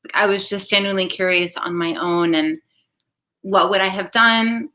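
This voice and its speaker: A woman's voice: mid-range voice, fairly even intonation, normal speed, pushed and bright. A woman filmmaker answering at a panel Q&A in a thoughtful, reflective way. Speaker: filmmaker guest.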